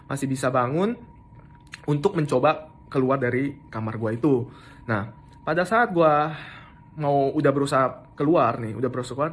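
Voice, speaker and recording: Young man telling a story, halting and slangy. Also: medium pitch, a little hiss or hum. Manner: slangy, halting, with many restarts and English words mixed in. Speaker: storyteller recounting an assault. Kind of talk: casual first-person storytelling.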